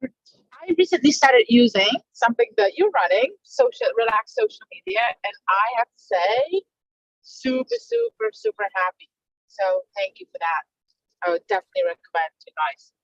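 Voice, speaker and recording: A woman's voice: on the high side, sing-song, moderate pace, dry recording. A woman speaking enthusiastically on a video call. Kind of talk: casual video-call chat. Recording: dry, dull call audio.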